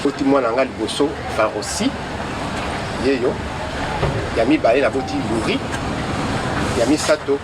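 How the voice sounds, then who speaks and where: A man from Kinshasa, a building engineer, introducing himself in a halting way with restarts. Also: medium pitch. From Kinshasa, DR Congo. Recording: loud car and street noise.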